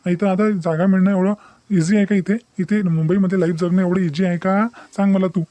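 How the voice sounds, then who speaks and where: A man's voice: high voice, steady tone, dark tone, no room sound, lightly acted. A man voicing a young, deceitful, bossy boyfriend in a cartoon, dismissive and threatening. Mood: taunting. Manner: dismissive, taunting, fast-talking. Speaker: cartoon character. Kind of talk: Marathi cartoon voice acting.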